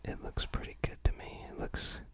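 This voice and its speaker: An ASMR video creator whispers casually while unboxing and commenting on a game. The voice is breathy and unvoiced, soft and unhurried, musing aloud.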